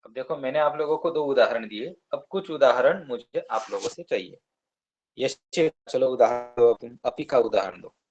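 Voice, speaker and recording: A man teaching Sanskrit to children in a classroom, patiently spelling out words and sounds slowly. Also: mid-range voice, darkish tone, highs cut off. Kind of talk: classroom explanation.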